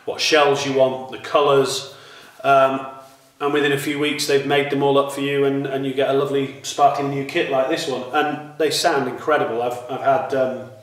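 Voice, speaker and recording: A British man, a drummer, talking casually about his gear in a relaxed way, with many ums and restarts. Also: mid-range voice, normal speed, distant mic. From United Kingdom. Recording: echoey room, mic some way off.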